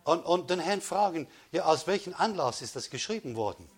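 A man preaches to his congregation with emphatic, repeated declarations. His voice sits a little high and sounds husky. He swings from loud calls of praise to quiet, pressing asides. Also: lively intonation, brisk. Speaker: pastor. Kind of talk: sermon.

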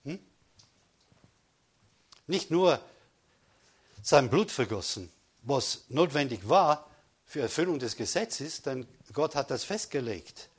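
A man giving a sermon as pastor, emphatic, with repeated calls of praise, swinging between loud declarations and hushed stresses. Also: mid-range voice, very animated, slow pace, long pauses, husky.

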